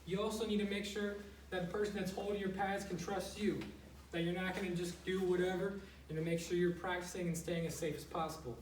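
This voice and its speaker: A man's voice: high-pitched, level tone, fairly quick. A man giving a casual, step-by-step martial arts lesson, explaining plainly and checking in often. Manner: plain-spoken, explanatory, frequently checking with "okay". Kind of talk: casual step-by-step instructional demonstration. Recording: roomy, noisy, distant microphone.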